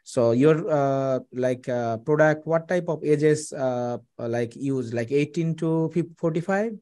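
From a small room indoors, a Bangladeshi freelance digital marketer makes a sales pitch to a client over a video call, using a headset. His voice is mellow, and his speech comes haltingly, with many fillers and restarts.

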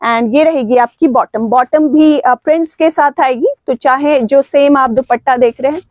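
A woman's voice: sits high, dry recording. A woman from Uttarakhand chattily presenting clothing for sale, mixing Hindi and English with frequent fillers. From Uttarakhand, India. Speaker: clothing seller. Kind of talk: product showcase.

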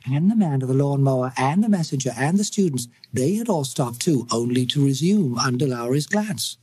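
A British man reading a novel aloud in measured, dramatic storytelling. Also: mid-range voice, animated, a little mellow, husky, no echo. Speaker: audiobook narrator. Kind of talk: scripted narration.

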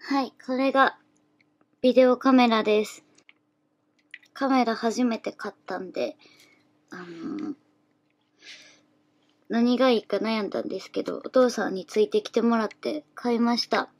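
Kansai girl, late teens, higher voice, giggly rambly vlog chat. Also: normal speed, pauses often. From Kansai, Japan. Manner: chatty, giggly, relaxed and rambling. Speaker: newcomer voice actress, vlogger. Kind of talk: casual self-introduction vlog.

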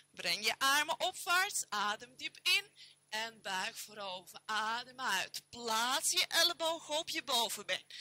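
A woman with a Dutch accent guides a yoga class in slow, unhurried cues that follow the breath. Her voice sits a little high and rings very bright. The sound is dry, with no room echo. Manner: calm, steady cues paced to the breath. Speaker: yoga instructor.

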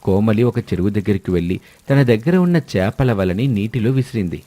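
A man narrating a cartoon story in a lively storytelling manner. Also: on the low side, fairly quick.

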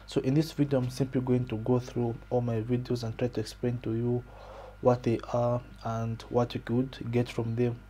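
Dark-voiced young Zambian man explaining. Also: mid-range voice, flat delivery, normal speed, slight background noise. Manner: plain, explanatory, with frequent "okay" and "so". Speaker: YouTuber explaining his channel. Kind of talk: casual screen-share walkthrough. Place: small room indoors, pink-lit wall behind.

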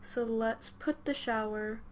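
A high-voiced woman with a sore throat chats through a video game. She talks slowly and hesitantly, rambling to herself. The home recording has clear background noise. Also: steady tone. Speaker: gaming host. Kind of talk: casual let's play commentary.

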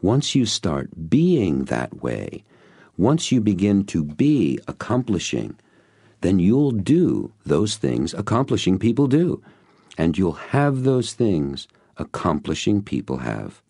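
A man's voice: deep voice, huge pitch swings, takes it slowly, vocal fry, warm tone, husky, no room sound, clean studio sound, voice pushed up, full character voice. A man voicing an earnest, emphatic male mentor in network marketing.

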